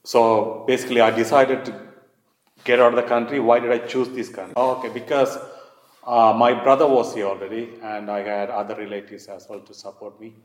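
This oral history interviewee is a man with a Sri Lankan accent, speaking fairly quickly at a medium pitch with little movement in it. He recounts personal memories, frequently repeating himself, and the room sounds echoey.

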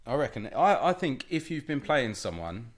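A man co-hosting a casual podcast chat, talkative and quick to argue his point, swearing freely. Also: medium pitch, big pitch swings. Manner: chatty, argumentative, swears. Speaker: podcast co-host.

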